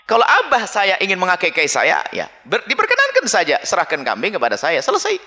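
Male preacher, sermon with audience questions, lively swooping pitch, fairly high voice, long hall reverb. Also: fairly quick. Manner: animated, with sharp leaps in pitch. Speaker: Islamic preacher answering questions. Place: large hall with a live audience.

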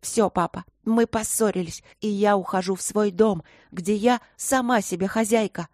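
A woman's voice: medium pitch, normal speed, a little mellow, dry recording, studio quality, voice pushed up, natural voice. A woman voicing a hot-tempered young noblewoman who talks in an indignant, heated way.

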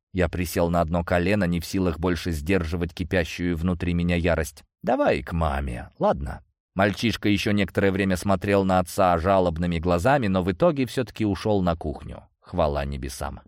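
A man narrating a first-person audiobook in an expressive, dramatic manner. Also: low voice, a little fast, hardly any pauses, no echo, clean studio sound.

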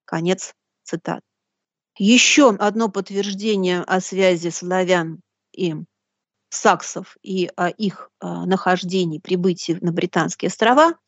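A woman giving a deliberate, didactic lecture in bookish phrasing, reading out quotations as she goes. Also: lowish voice, steady tone, dry recording, dull audio. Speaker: lecturer hosting a live broadcast.

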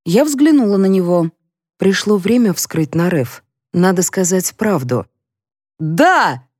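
A woman narrating a first-person audiobook in an expressive, wry manner. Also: on the low side, a little slow, no echo, studio quality.

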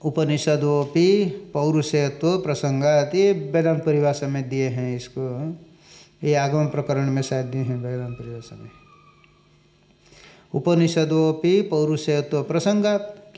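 A man giving a scripture lecture, reciting Sanskrit lines slowly and explaining them, asking questions and answering them himself. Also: on the high side, fairly even intonation, mellow. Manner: slow and deliberate, recites Sanskrit and explains it in Hindi. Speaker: Vedanta teacher.

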